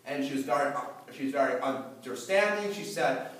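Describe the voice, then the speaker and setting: This student speaker is a teenage boy with a stutter, working through a prepared talk with repeated words and blocks. His mid-range voice is expressive and fairly bright, at normal speed. The recording catches him from far off in an echoey hall.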